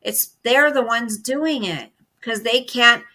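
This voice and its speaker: Emphatic high bright-voiced woman. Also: slow, poor audio. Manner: emphatic, indignant, repeats phrases. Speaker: co-host. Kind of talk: casual political chat. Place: at home, live stream.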